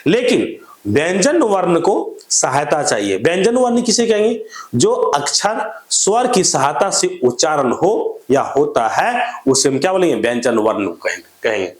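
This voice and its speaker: A man teaches a grammar lesson in a lively, up-and-down voice that sits a little high. He keeps asking questions and answering them himself, going over each point again. The sound is roomy and echoey. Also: measured pace. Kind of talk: classroom-style grammar lesson. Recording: echoey room.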